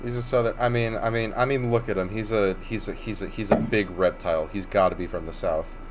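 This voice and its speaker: A man's voice: fairly low pitch, fairly even intonation, fairly quick. A man chatting casually and jokingly with friends during a script reading, laughing a lot and swearing. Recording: clear background noise.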